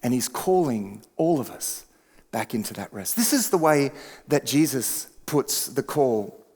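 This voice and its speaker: A male pastor preaching a sermon in a conversational way, dropping to hushed tones and rising to emphatic peaks. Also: mid-range voice, lively intonation, unhurried. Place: church sanctuary. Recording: church hall reverb.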